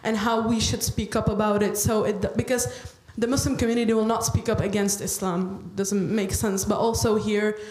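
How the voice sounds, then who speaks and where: A woman's voice: mid-range voice, fairly even intonation, moderate pace, hardly any pauses, a little mellow. A woman born in the Czech Republic, asking a question from the audience at a public debate in earnest, searching sentences. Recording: echoey hall.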